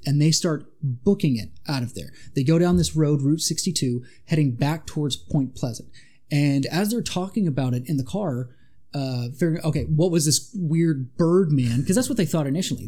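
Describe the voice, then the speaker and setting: A man's voice: on the high side, dark tone. A man co-hosting a podcast, casually retelling a monster legend with dramatic asides. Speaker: podcast co-host. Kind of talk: casual storytelling chat.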